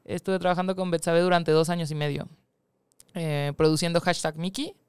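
Mexican woman in her thirties, a film producer recounting her early career in a relaxed interview. Her voice is very crisp and clean, recorded dry and close. She tells it with animated energy, slipping into other people's voices. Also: on the low side, a little fast, no room sound. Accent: Mexican Spanish. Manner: animated storytelling, acts out quoted voices. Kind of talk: casual interview chat.

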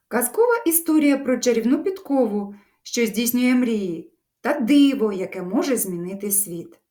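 Casting: woman teacher, expressive, lively delivery, encouraging tone toward pupils, middle pitch. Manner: warm encouraging address to pupils. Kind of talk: literature lesson.

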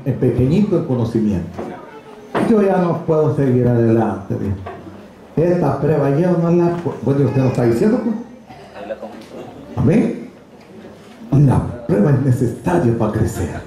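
Animated preaching man in echoey hall. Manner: animated, calls for amens, swings pitch up to near shouts. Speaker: pastor. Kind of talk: lively Spanish sermon with congregation responses. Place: church hall with congregation. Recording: very echoey church hall with congregation.

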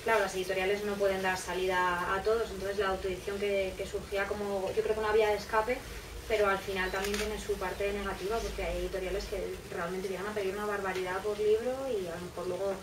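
Woman talking fast at a book event, far mic, lots of room noise. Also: mid-range voice, level tone, reverberant. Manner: quick, agreeing interjections. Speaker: author on a discussion panel. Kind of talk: casual panel discussion. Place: bookshop café, seated at a table. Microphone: far camera.

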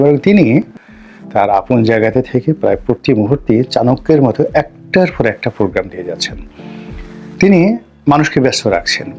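A man giving a political commentary monologue, speaking deliberately and emphatically as he builds up lists of points. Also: mid-range voice. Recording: slightly dull sound with faint music.

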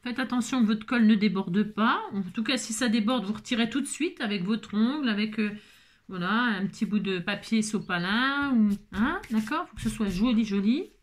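A woman's voice: a little high, normal speed. Breathless chatty woman crafter. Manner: chatty, full of fillers and repetitions. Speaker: crafting tutorial host. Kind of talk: casual crafting tutorial.

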